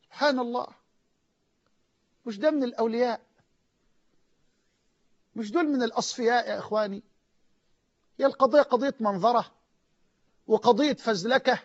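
A man with an Egyptian accent preaching an emotional sermon, swinging from near-shouts to low, hushed lines. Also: vocal fry. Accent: Egyptian Arabic. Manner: impassioned, rising to near-shouts and dropping low. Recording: dull lo-fi audio.

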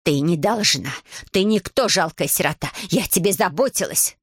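A woman's voice: animated, moderate pace, slightly rough, no room sound, studio quality. A woman voicing a spiteful, scheming middle-aged stepmother who snaps out accusations, read for an audiobook. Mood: scolding. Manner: snapping, shrill and accusing.

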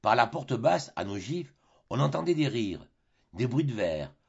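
Male audiobook narrator, gravelly and husky, lively intonation, dull lo-fi recording. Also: medium pitch, measured pace. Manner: expressive storytelling. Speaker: audiobook reader.

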